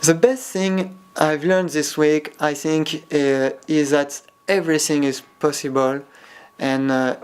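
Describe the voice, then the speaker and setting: A man in his twenties from France, a producer answering interview questions carefully and pausing to find his words. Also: a little high, steady tone, clear, resonant tone. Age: 20s.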